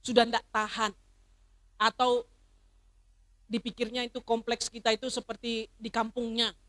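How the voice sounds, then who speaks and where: A middle-aged woman pastor preaching a sermon, swinging from loud emphatic declarations to soft personal stories. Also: fairly high pitch. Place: church service.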